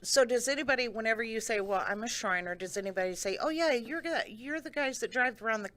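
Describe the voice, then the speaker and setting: A woman with a high, animated, fairly bright voice hosts a local radio interview. She asks her guests questions in a friendly, affirming way and laughs readily.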